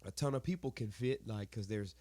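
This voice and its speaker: A man's voice: fairly low pitch, a little fast, mellow, dry recording. A man, congested and worn from singing, chatting casually as a podcast co-host. He rambles, corrects himself and laughs often. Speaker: podcast co-host, worship leader. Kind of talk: casual chat.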